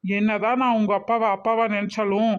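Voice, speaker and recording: A woman's voice: mid-range voice, level tone, fairly quick, noisy background, close to an everyday voice. A woman voicing a bossy, scolding adult woman in a cartoon family drama, emphatic and full of rhetorical questions. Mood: pleading. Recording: slightly muffled recording.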